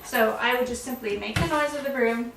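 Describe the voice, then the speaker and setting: A woman dog trainer calmly explaining a demonstration and softly praising the dog. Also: a little high, fairly quick, noisy background. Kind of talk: instructional demonstration. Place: indoors in a house. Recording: roomy sound from a distance.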